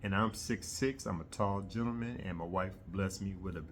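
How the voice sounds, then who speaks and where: A middle-aged man chatting casually to his viewers in a rambling, halting way, often pausing mid-sentence. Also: deep voice, a little hiss or hum. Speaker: host of a hobby video channel. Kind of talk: casual rambling vlog chat.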